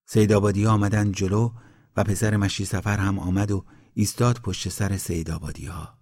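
A man reading a storybook aloud in a calm, measured way. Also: fairly low pitch. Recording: long hall reverb.

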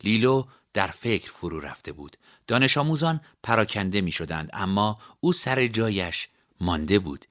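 A man's voice: on the low side, big pitch swings, a bit bright. Man narrating a story expressively. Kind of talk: storybook reading.

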